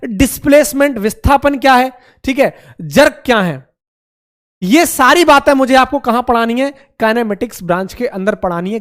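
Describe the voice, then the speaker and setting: A man's voice: extremely high pitch, fairly bright tone. A man teaching a physics lesson, repeating terms and asking questions he answers himself. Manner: repetitive, calls students beta and mere bhai. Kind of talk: classroom lecture.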